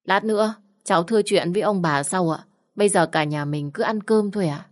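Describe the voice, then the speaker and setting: Speaking fairly quickly at a fairly low pitch, in a natural voice, a woman acts out a whiny young man in his twenties. He's timid and easily startled, full of complaints and exclamations.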